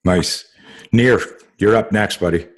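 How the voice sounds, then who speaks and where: A man's voice: lowish voice, a little slow. A man hosting a casual group call, rambling with many fillers and swearing freely. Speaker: podcast host.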